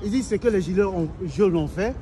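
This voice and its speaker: A man's voice: high-pitched, a little fast, warm tone, a faint crowd. Earnest man interpreting on a noisy street. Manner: earnest, self-assured, repeats yes and voilà. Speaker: street interpreter, prank target. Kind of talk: improvised interpreting.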